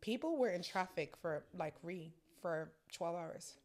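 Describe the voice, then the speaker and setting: Lively young woman telling stories. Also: on the low side, a little slow. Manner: animated storyteller, bursts into loud laughing screams. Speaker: podcast co-host. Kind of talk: casual chat.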